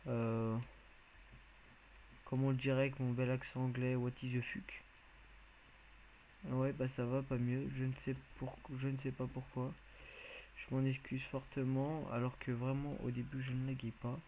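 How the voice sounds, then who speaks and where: A man's voice: mid-range voice, flat delivery, normal speed, mellow, rough recording. Guy rambling over his gameplay, lots of ums, mid voice, slight background hiss. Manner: rambling, hesitant, lots of filler sounds. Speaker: video game let's player. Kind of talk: casual gameplay commentary.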